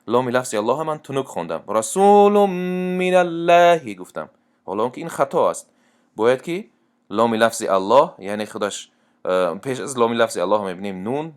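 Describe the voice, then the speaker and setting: A man teaching Quran recitation rules, explaining step by step and reciting verse examples. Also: lowish voice. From Tajikistan. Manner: plain explanatory talk, repeats and restarts, then slow drawn-out chanted recitation.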